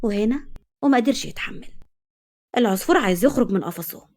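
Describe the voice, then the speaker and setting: Woman narrating a story, raised pitch. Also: expressive, fast talker, a little mellow. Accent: Egyptian Arabic. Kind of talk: read-aloud story narration.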